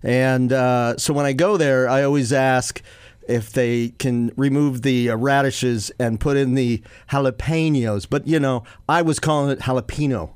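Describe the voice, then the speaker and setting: A man co-hosting a radio show in casual chat, chatty and quick to laugh, often tripping over his words. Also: mid-range voice, steady tone, darkish tone, smooth, no room sound, studio quality. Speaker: radio co-host.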